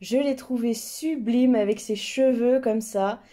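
A woman's voice: on the high side, a little slow, dark tone. A woman chatting casually through an unboxing in an effusive, admiring way, her mouth numb from the dentist so that speech is slightly impeded. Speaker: host of unboxing videos.

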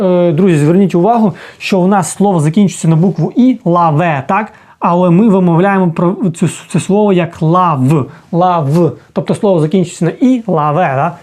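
A man teaching a casual video lesson as an English teacher, explaining slowly and often checking in with the listener. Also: high-pitched, a little mellow.

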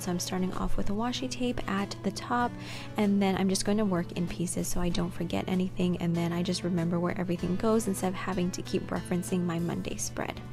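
A young planner vlogger records a casual voiceover, chatty and scatterbrained, often stopping to correct herself. Her middle-pitched voice is slightly raspy because she's coming down with a cold, and clear background music plays underneath.

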